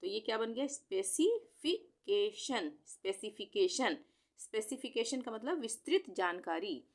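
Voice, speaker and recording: A woman's voice: fairly high pitch, animated, normal speed. A woman teacher patiently sounding out long words letter by letter in a spelling lesson.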